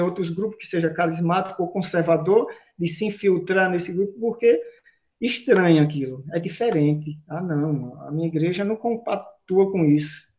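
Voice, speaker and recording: Man lecturing on a video call, halting delivery, mellow voice pitched a bit high. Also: rough recording. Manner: halting, repeats words, frequent fillers. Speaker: guest lecturer. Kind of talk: lecture talk in an online class.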